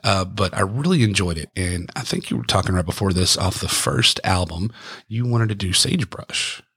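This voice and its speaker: A man's voice: low voice, normal speed, husky, no echo. Brief: male podcast host, easygoing and encouraging, dry close sound. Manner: relaxed, encouraging short replies. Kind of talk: casual interview chat.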